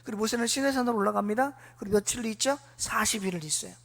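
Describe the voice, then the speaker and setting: High-voiced woman preaching in a reverberant church. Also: very fast, a bit bright. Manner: asks the congregation questions and answers them herself; acts out biblical figures in casual speech. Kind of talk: sermon. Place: church sanctuary.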